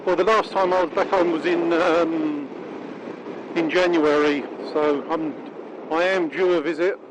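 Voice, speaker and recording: Casting: middle-aged Irish male motovlogger, high-pitched, colloquial, rambling delivery, voice inside a helmet with heavy road noise. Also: steady tone, unhurried. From County Mayo, Ireland. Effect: muffled inside a motorcycle helmet. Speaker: motorcycle vlogger. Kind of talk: casual riding commentary to viewers. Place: outdoors on a moving motorcycle, inside helmet. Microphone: dictaphone worn while riding. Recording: loud engine and wind noise.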